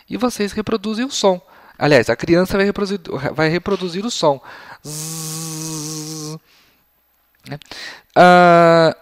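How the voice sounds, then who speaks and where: A man teaching Latin for young children to parents, patient and explanatory, his voice slightly failing as he often clears his throat. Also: fairly high pitch, no room sound, clean studio sound. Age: adult. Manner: patient and explanatory, models phrases slowly. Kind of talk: explanatory lesson.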